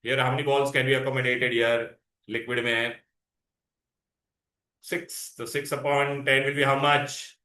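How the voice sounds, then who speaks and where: A man's voice: mid-range voice, flat delivery, normal speed, pauses often, bright, forceful tone. A man with an Indian accent teaching an interactive science lesson, mixing Hindi words into English and often asking questions to prompt answers. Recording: echoey, roomy sound.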